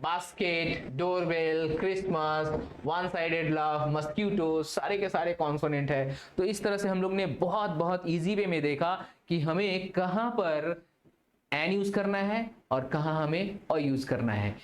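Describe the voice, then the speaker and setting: A male English teacher explains a grammar point in a recorded video lesson. He keeps asking questions and answering them himself, and his fairly high voice carries an echo from the room along with a faint hiss behind it. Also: unhurried.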